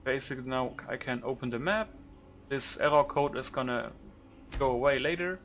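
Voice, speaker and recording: Speaking at a normal pace in a mid-range, slightly bright voice, a man gives loose, unscripted commentary on a modded game for his YouTube channel.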